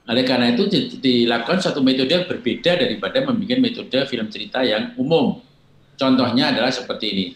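An older man, a film director, giving measured, explanatory interview answers and acting out quoted exchanges. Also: mid-range voice. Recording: roomy echo.

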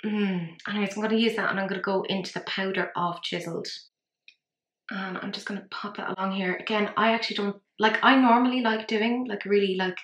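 A woman with an Irish accent chats through a makeup review at home, in a casual vlog style. Her voice sits at a middle pitch, and she fills her talk with "um" and "like" as she reassures herself. The recording carries a noticeable roomy echo. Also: fairly even intonation, brisk, a bit bright. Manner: chatty, talks herself through trouble, many fillers. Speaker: beauty vlogger.

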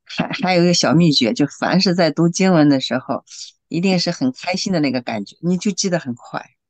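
Low-voiced woman student sharing study tips. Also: lively intonation, a little fast, a little mellow, no echo. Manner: friendly, offers study tips. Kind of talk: online class. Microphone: video call.

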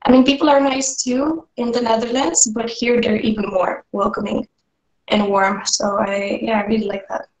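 A young woman from Romania talks in an animated, chatty way, scattering fillers through her story. Her voice sits a little high. She is on a webcam in a small kitchen, and the room echoes noticeably. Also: moderate pace. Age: young adult. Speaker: exchange student guest. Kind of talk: casual video-call conversation. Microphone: video call webcam.

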